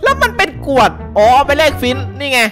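A young man giving excitable, casual co-op game commentary, yelping and laughing often. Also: very high voice, fairly quick. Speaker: gaming YouTuber. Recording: music playing behind.

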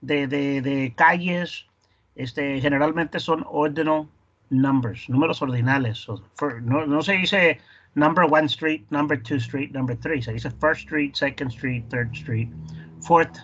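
Chatty bright-voiced man teaching English. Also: on the high side, slow, highs cut off. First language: Spanish. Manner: chatty, repeats words to drill pronunciation. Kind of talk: online class explanation. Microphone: video call.

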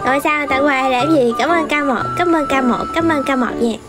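A woman chatting playfully during a game, heard through a stream over loud game music. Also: high voice, fairly quick. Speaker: streamer and teammate. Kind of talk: casual gaming chat.

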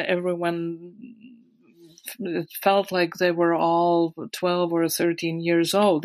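A woman in her sixties with a Latvian accent recalls her past as an interview guest, hesitating with many fillers and restarts. Her voice sits on the low side, and there is no room sound.

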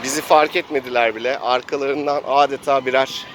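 A brisk, steady, medium-pitched male voice narrates an improvised tabletop adventure, the game master delivering it theatrically. Traffic ambience makes the outdoor recording noisy.

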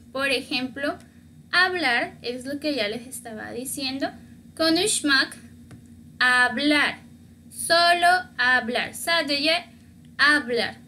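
A Mexican Spanish teacher with a high, bright voice leads a beginners' language class at an unhurried pace. She patiently repeats each example word slowly to model pronunciation for learners to copy. A faint hiss of background noise sits under her voice.

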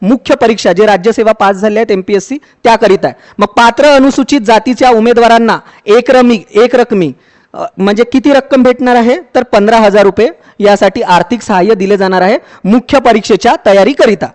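A man with a very high-pitched voice talks students through an application step by step. He speaks conversationally, often pausing to check in and restarting words. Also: darkish tone. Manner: conversational, repeats "ठीक आहे", frequent fillers and restarts. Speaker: education YouTuber explaining a scheme. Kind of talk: explanatory walkthrough for students.

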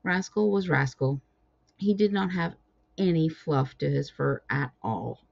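A woman reading her own cat storybook aloud with expressive storytelling. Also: deep voice, unhurried, gravelly. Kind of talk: storybook narration. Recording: dull lo-fi recording.

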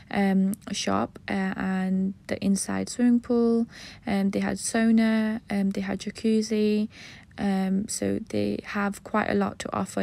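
A woman narrating a travel vlog as a casual voice-over, relaxed and full of ums and uhs. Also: medium pitch, vocal fry. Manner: relaxed, many fillers like um and uh. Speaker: travel vlogger.

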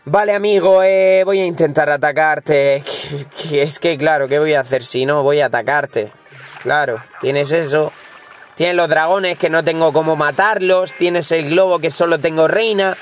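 A young man from Spain calls his mobile game as he plays it, with a Spanish accent and a voice a little higher than usual. He is hoarse with a cold. He curses freely and talks straight at his viewers. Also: a little hiss or hum. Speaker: gaming YouTuber. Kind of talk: live gameplay commentary.

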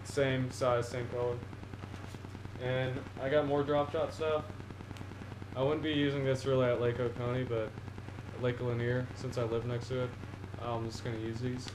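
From a couch, a teenage fishing vlogger rambles through a casual gear haul video about his baits, enthusiastic, pausing often, full of ums and restarts. His middling-pitched voice stays flat and level at a moderate pace. A camera on the floor before him captures echo from the small room and a steady hiss underneath.

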